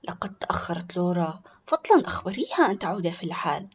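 Mother role in an audio story: a woman playing a worried, stern mom, breathy and urgent. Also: fairly low pitch, sing-song, fast talker. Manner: urgent and scolding. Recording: dull lo-fi recording.

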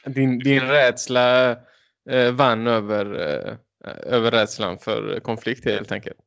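A man's voice: mid-range voice, steady tone, vocal fry, a bit bright, clear, resonant tone, dull audio. A man co-hosting a podcast, teasing his friend and pressing him with questions. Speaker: podcast co-host. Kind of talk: casual chat.

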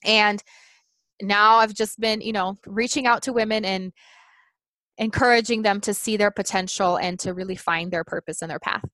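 A life coach in her thirties, Portuguese being her first language, earnestly thinks aloud as a guest in a casual interview chat, often restarting and saying "you know." Her medium-pitched voice is steady and fairly bright at a moderate pace, with no room sound.

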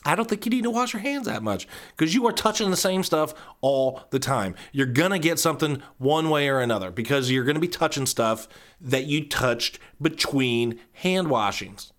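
A man rambles through a casual solo podcast monologue, cursing freely. His voice sits a little high for a man and jumps into squeaky, exaggerated outbursts. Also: animated, moderate pace, fairly bright tone. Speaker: podcast host.

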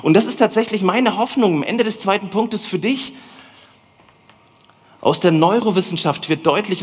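A man preaching a lively, colloquial sermon in a church hall, speaking directly to the congregation. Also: a little high, breathy edge. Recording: long hall reverb.

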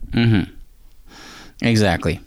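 A man's voice: on the low side, takes it slowly, crowd noise. A man hosting a casual podcast chat, enthusiastic and playful. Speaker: podcast host.

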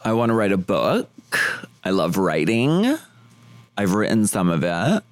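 A man's voice: on the low side, sing-song, unhurried. A man being interviewed as a drag performer, chatting casually and rambling with lots of "like" fillers.

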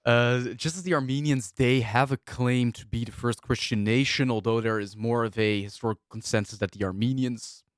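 A man's voice: medium pitch, fairly even intonation, fairly quick, hardly any pauses, clean tone, no echo, studio quality. A man co-hosting a podcast, talking through history in a thoughtful, hesitant way with many fillers. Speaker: podcast co-host. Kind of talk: casual discussion.

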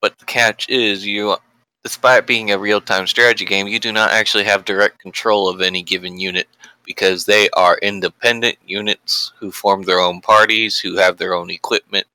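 A man's voice: lowish voice, little pitch movement, moderate pace, pushed and bright, clear, resonant tone, no echo, low-quality recording. A man chatting casually on a podcast as a co-host, explaining things in a wordy way.

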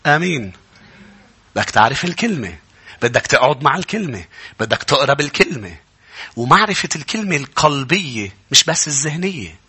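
A male pastor with a Lebanese Arabic accent preaching a sermon, building from conversational teaching to impassioned shouting. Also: fairly high pitch, sing-song, a little fast, breathy edge.

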